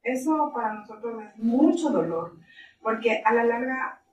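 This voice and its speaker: A middle-aged woman who leads in ministry tells stories animatedly during an interview conversation, laughing often. Her fairly high voice has lively intonation and an unhurried pace. The lo-fi recording is roomy, with a distant mic, faint ambience and slight background noise.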